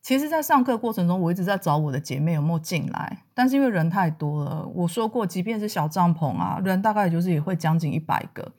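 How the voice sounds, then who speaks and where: Lively woman telling a story. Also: fairly low pitch, quick pace, hardly any pauses. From Taiwan. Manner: animated, laughs often, acts out quoted dialogue. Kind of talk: casual personal storytelling.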